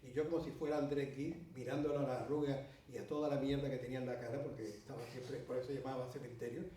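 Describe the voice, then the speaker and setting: The man talks fast in a medium-pitched, dark voice with fairly even intonation. Middle-aged and from Andalusia, Spain, he speaks with an Andalusian Spanish accent, telling a conference audience a long anecdote packed with fillers and asides. The roomy hall is heard from a distance.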